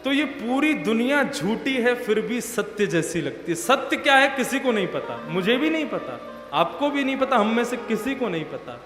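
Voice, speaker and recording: A male preacher gives a devotional sermon in a high voice, telling stories and quizzing the crowd. His voice rings with long reverb through a large hall. Music plays behind him. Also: big pitch swings, normal speed. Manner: asks the crowd questions and tells stories.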